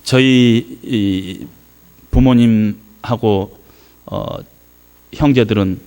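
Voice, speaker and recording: A middle-aged man from South Korea preaching a revival sermon in a church, telling a family story with many hesitant fillers and sudden swings from hushed to loud. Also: lowish voice, drawn-out words. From South Korea, Yeosu area. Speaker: guest pastor. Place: church sanctuary.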